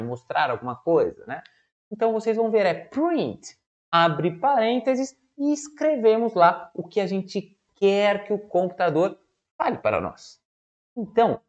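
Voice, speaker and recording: Woman, kids' programming teacher, lively swooping pitch, dull lo-fi sound. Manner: animated, asks questions and acts out little dialogues. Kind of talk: lively lesson to children.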